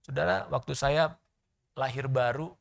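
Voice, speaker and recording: Male pastor preaching, jumps from loud to quiet, keeps quizzing the crowd. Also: mid-range voice, a little slow, creaky. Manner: animated preaching with sudden loud and soft swings; questions the congregation directly. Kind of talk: sermon.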